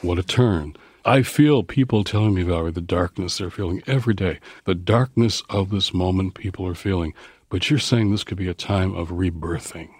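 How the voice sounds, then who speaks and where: A man interviewing a guest, reflective and gently probing. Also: low voice, normal speed, slightly rough, no echo, clean studio sound. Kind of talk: interview questions.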